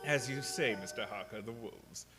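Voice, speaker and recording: A man playing a menacingly courteous vampire count in a radio drama, speaking theatrically with slow, deliberate, false politeness. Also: medium pitch, over loud music, natural voice. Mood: courteous, sinister. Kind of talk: live radio drama acting.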